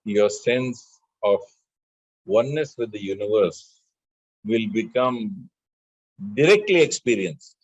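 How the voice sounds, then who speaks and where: A man teaching spiritual lessons in a measured way, chanting scripture verses between his explanations. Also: lowish voice, steady tone, darkish tone, no room sound, muffled recording. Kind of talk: spiritual discourse with scripture recitation.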